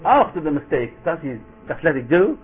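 A man with a Yiddish accent giving an informal Torah lecture as a rabbi, acting out dialogue and asking rhetorical questions in an animated storytelling way. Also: on the high side, brisk, soft background music. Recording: thin, phone-like radio-quality audio.

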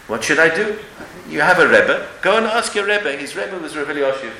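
A man delivers an emphatic religious lecture full of stories and rhetorical questions, dropping in Hebrew and Yiddish terms. His voice is fairly high, bright and forceful, animated at a moderate pace. The room is echoey, with background noise.

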